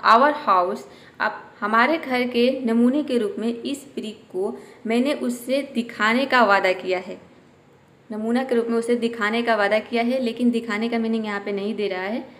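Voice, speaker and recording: A woman teaches English sentences one word at a time, slowly repeating each word with its meaning. Her voice sits fairly high and unhurried. The room around her is echoey.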